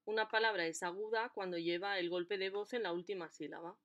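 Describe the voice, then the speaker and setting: A woman explaining a lesson in a clear, deliberate way, stressing the syllables of her examples. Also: mid-range voice, steady tone, a bit bright, dull audio. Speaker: language teacher.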